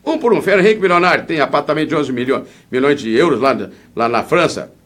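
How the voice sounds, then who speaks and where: A man's voice: fairly high pitch, lively intonation, fast, fairly bright tone. Indignant Brazilian man in a political interview. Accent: Brazilian Portuguese. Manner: indignant, emphatic, rambling. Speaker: political candidate being interviewed.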